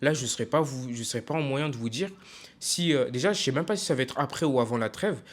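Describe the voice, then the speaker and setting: A young man from France ranting casually in a video, frustrated and emphatic, halting often with fillers and restarts. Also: medium pitch. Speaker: football vlogger.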